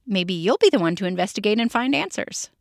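Lively woman podcast host, dry sound. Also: mid-range voice, a little fast, no room sound. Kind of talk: scripted narration.

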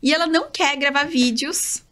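A woman's voice: high-pitched, normal speed, sharp tone. A woman hosting a casual podcast conversation, chatty and explaining with anecdotes. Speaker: podcast host, nutrition mentor.

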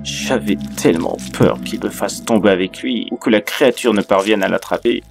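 A man with a fairly low, fry-tinged voice reads a first-person horror story at normal speed, dramatically narrating it creepypasta-style. Loud music plays under his narration.

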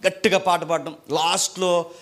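A male pastor preaching a sermon, moving between forceful shouted rebukes and low, mocking asides. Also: little pitch movement, normal speed.

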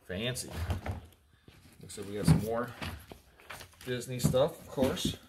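Speaking slowly at a medium pitch over a very noisy background, a man in his thirties does casual unboxing commentary. He's an auctioneer looking over old items in a storage room with block walls, reading labels out loud and joking with his crew.

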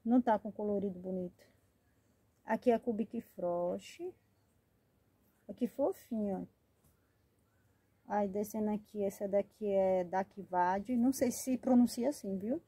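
A woman's voice: medium pitch, dark tone, husky, dry recording. A woman hosting a casual gardening vlog, chatting affectionately as she names and shows each of her plants. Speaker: plant channel host.

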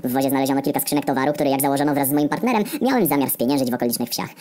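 Fast, dark-voiced deadpan male storyteller. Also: medium pitch. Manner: deadpan, wry storytelling with frequent swearing. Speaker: narrator. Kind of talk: comedic story narration.

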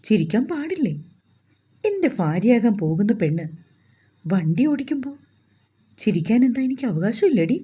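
A woman's voice: a little high, very animated, normal speed, long pauses, warm tone, husky. A woman reading the lines of a playful young man who teases his bride-to-be. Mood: teasing.

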